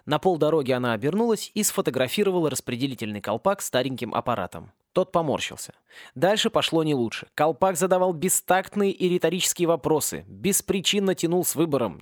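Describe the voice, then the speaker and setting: A man narrating a satirical fantasy audiobook in a lively, wry storytelling manner, on a close mic. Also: fairly high pitch, dry recording. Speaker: audiobook reader.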